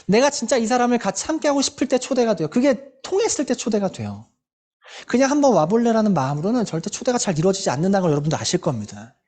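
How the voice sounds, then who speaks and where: A woman's voice: medium pitch, sing-song, quick pace, warm tone. A woman leading a motivational group meeting, emphatic and fond of repeated rhetorical questions, candid about her own past struggles. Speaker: sales team leader.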